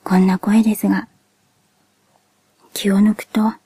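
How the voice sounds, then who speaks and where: Soft whispery podcast girl, grown woman w cute anime kinda voice, super mellow n gentle, dry close sound. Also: medium pitch, flat delivery, husky, no room sound. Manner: gentle, polite, measured delivery. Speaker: podcast host.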